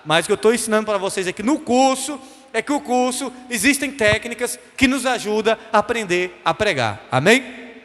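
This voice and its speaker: A man's voice: high voice, fairly bright tone, in a large hall. A man, a bishop teaching a preaching course, speaking emphatically and firing rhetorical questions at his class. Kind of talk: church classroom lecture.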